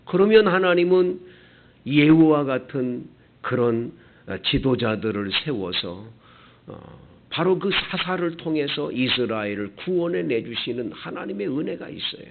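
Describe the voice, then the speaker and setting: A male pastor preaching an early-morning sermon, raising rhetorical questions with strong emphasis. His fairly high voice swings widely up and down. The sound is thin and tinny, like it came over a phone line. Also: big pitch swings, measured pace, gravelly. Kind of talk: dawn prayer sermon.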